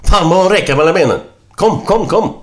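A man voicing an excited little boy who shouts urgently and breathlessly for his mother. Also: high voice, voice pushed up. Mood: frantic.

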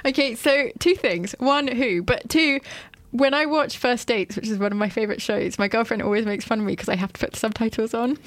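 A woman's voice: on the high side, brisk, few pauses, no echo. Woman with a slightly foreign accent. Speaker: show panelist. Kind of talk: casual chat.

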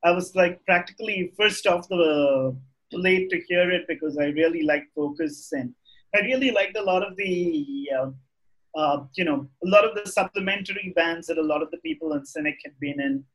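A man's voice: a little high, moderate pace, fairly bright tone, slightly rough, poor audio. A man with an Indian English accent chatting casually and giving opinions as a podcast guest, often repeating and restarting his phrases.

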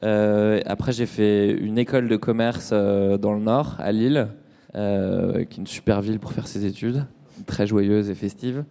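A startup co-founder in his thirties from Nantes, France, chats as a podcast guest in an informal, slangy way, hesitant and full of trailing tags. His lowish, gravelly, mellow voice keeps a fairly even intonation and a measured pace in a large hall.

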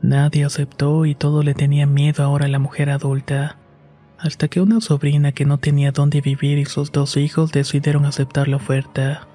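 A man narrating a scripted horror story in a steady, unhurried way. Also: fairly high pitch, faint music behind.

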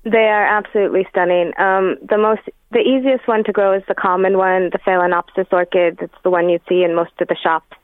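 A woman with an Arizona American accent softened by an Irish Donegal lilt, giving gardening tips as a guest in a casual radio interview, encouraging and plain-spoken. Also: mid-range voice, steady tone, fairly quick, no echo. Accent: Arizona American with a touch of Irish Donegal lilt. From United States, Arizona. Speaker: guest plant expert. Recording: narrow phone line.

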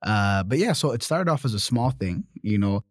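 A man in his twenties, born in Germany, telling his story in a casual interview, animated, often adding "you know" and "right?". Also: fairly low pitch, moderate pace, no echo, studio quality. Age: 20s. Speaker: guest.

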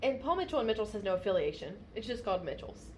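A woman's voice: mid-range voice, big pitch swings, fast talker, a little mellow, a little hiss or hum. Frank, rambling young woman stylist. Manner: rambling, frank, swears freely. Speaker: hairstylist and podcast co-host. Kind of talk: casual podcast chat. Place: United States.

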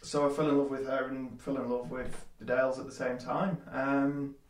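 A man's voice: mid-range voice, little pitch movement, normal speed, roomy sound. A man in his twenties with a Yorkshire accent, a guest in a casual interview, rambling with many fillers and restarts. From Leeds, England. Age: 20s. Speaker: guest, small business owner.

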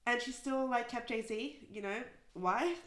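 A woman co-hosting a casual chat podcast, emphatic and animated, laughing often. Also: fairly high pitch, a little slow, echoey room. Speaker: podcast co-host.

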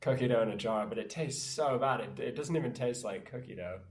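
Croaky, sick-sounding man telling stories. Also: mid-range voice, brisk, slight background noise. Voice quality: croaky, congested voice from being sick. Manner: jokingly boastful, mock-dramatic storyteller. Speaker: podcast co-host. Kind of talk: casual podcast chat.

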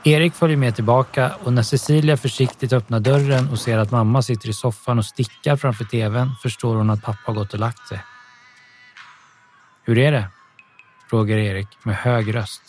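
A man narrating a story calmly and evenly, with soft music behind him. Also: medium pitch, hardly any pauses. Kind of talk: scripted audiobook narration.

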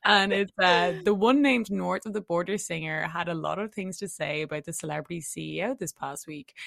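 A woman's voice: fairly low pitch, no room sound, studio quality. A young adult woman, a podcast guest, chatting casually and gossiping, laughing often and filling her talk with "like".

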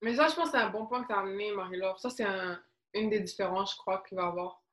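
A woman's voice: mid-range voice, fast talker, a bit bright. A young woman with a Quebec French accent, speaking emphatically with lots of slang in a casual discussion. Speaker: panel discussant. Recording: echoey room.

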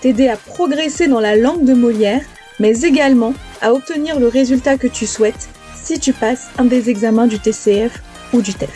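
A woman hosting a podcast language lesson, explaining pronunciation clearly and slowing down to spell out examples. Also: fairly high pitch, soft background music. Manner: lively, clear teaching with slow, spelled-out examples. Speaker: French teacher and podcast host.

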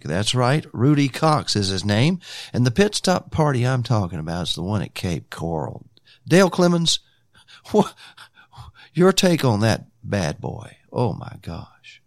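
Folksy, lively radio host man. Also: medium pitch, dry recording, clean studio sound. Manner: rambling, folksy announcer delivery with restarts. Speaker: radio countdown show host. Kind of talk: casual radio chat.

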